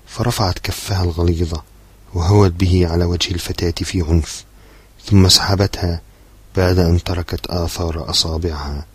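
Brief: low, husky-voiced male narrator for a literary audiobook, measured and steady.

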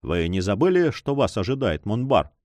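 A man reading the part of a blunt, loyal companion who speaks briskly. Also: fairly low pitch, sing-song, darkish tone, no echo. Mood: urging. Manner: brisk, hailing.

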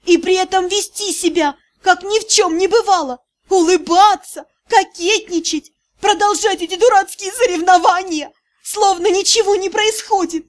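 A woman reading an audiobook, voicing a desperate, proud sixteen-year-old girl in a shrill, shaky voice. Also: moderate pace. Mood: hysterical.

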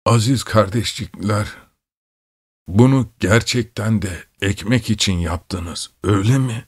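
A man's voice: lowish voice, takes it slowly, husky. A man voicing a feverish, frightened carpenter who pleads in a trembling, wheezing voice while crying. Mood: pleading.

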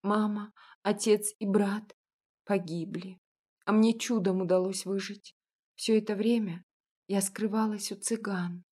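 A woman voicing a shy, frightened young mother in an audiobook, speaking softly and timidly. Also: mid-range voice, steady tone, a little slow, close to an everyday voice. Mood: timid, grateful. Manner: soft and timid. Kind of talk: audiobook reading.

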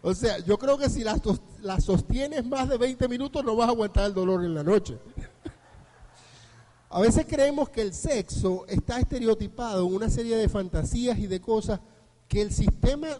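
A man's voice: high-pitched, moderate pace, dark tone, in a large hall, slight background noise. A man, a couples therapist giving a live conference talk, joking and acting out dialogues between couples. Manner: humorous, anecdotal, acts out dialogues. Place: conference hall.

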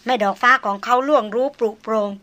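A woman narrating a novel audiobook in a measured, even storytelling manner. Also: on the high side.

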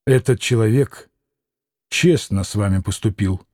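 A man voicing an earnest, kind young man who speaks quietly and softly. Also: mid-range voice, expressive, fairly quick, no room sound, clean studio sound, voice pushed down, lightly acted. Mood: gentle. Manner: quiet, soft-spoken.

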